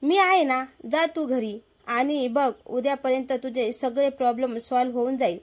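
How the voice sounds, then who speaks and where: A woman voicing a gentle ghostly young woman who comforts a despairing man in a storybook tale. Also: high-pitched, moderate pace, close to an everyday voice. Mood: reassuring. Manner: gentle, reassuring.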